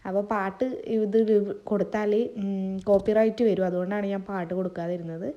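A woman's voice: mid-range voice, flat delivery, a little fast, warm tone, lo-fi sound. A woman narrates a family vlog in a chatty, rambling way, her voice wavering from a sore throat. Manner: chatty, rambling, speaking to viewers. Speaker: family vlogger. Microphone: phone.

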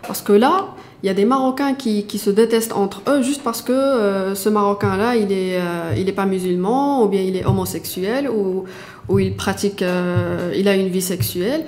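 A young woman with a Moroccan accent in French, giving halting, conversational interview answers with repeated words. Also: mid-range voice, darkish tone, a little hiss or hum. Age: young adult. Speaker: interview guest, artist. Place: small radio-style studio. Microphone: desk microphone with pop filter.

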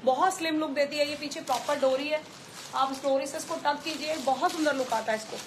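Chatty high-voiced woman selling clothes live. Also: fairly even intonation, a little fast, noisy background. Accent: Delhi Hindi with English mixed in. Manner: chatty, repeats prices, teasing asides. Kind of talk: live sales stream.

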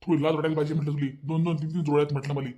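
A man voicing a bossy, petulant young husband in a cartoon, with a Vidarbha Marathi accent, nagging and repeating himself in rapid bursts. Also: fairly high pitch, flat delivery, mellow, lo-fi sound, natural voice. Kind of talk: cartoon voice acting.

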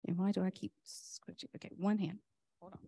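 Flustered woman giving a rushed lightning talk, creaky low voice. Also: level tone, dark tone, dry recording. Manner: flustered, chatty self-interruptions while juggling laptop; enthusiastic. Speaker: conference speaker, software vendor presenter.

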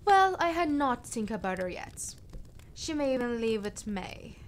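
A woman playing a scheming, commanding young princess in an ASMR roleplay, speaking in a measured, conspiratorial manner to the listener. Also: a little high, big pitch swings. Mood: conspiratorial, wary. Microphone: close binaural microphone. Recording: clear background ambience noise. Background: crackling fire and night ambience.

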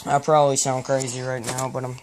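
A man, slowly listing the gear in his tackle box in a low-key late-night chat at home. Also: monotone, over a noisy crowd. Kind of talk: casual late-night show-and-tell. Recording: noisy home phone video.

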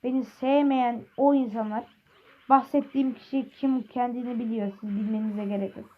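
Excitable joking woman gamer, muffled mic. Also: on the high side, moderate pace. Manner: excitable, joking, trash-talking teammates. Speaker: gaming video creator. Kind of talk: casual gameplay commentary. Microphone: close desk mic. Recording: muffled lo-fi mic with faint hiss.

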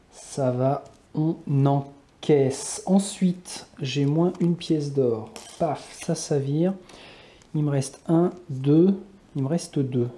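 Man, solo card game commentary, slow pace, very dark mellow tone, mutters and counts aloud. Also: on the high side. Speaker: board game player.

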